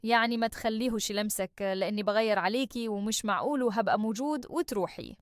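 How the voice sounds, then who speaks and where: A woman's voice: a little high, fast, no room sound, studio quality, natural voice. A woman voicing a jealous, volatile young man.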